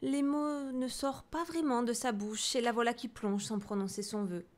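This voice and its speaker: Lively woman reading a children's story. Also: fairly high pitch, moderate pace. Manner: lively, shifting to soft whispered asides. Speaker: storybook reader. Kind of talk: children's story read aloud.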